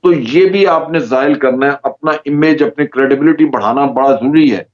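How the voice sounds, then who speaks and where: Measured Pakistani judge on lo-fi audio. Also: male voice, medium pitch. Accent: Pakistani Urdu. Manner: measured, explanatory. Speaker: judge as guest analyst. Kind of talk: TV current-affairs interview. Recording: slightly dull lo-fi audio.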